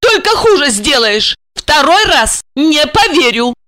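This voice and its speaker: A woman voicing a frightened, accusing young wife with a shrill, tearful manner. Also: big pitch swings, measured pace, fairly bright tone, dry recording, studio quality, full character voice. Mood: bitter accusing.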